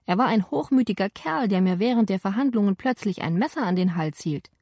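A woman's voice: mid-range voice, animated, a little fast, a little mellow, dry recording, clean studio sound. A woman voicing a defiant, hot-headed Roman envoy in his thirties, in an audiobook. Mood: defensive. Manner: urgent, defensive.

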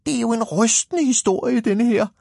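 A man voicing Tippetophat, a small excitable hat figure who loves cars, speaking high and eagerly. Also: creaky, dry recording, studio quality, exaggerated voice. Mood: alarmed.

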